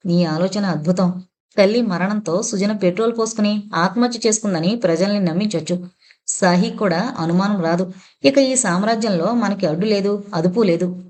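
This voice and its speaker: A woman's voice: medium pitch, darkish tone. Woman narrating a dramatic audio novel. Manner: dramatic, measured storytelling.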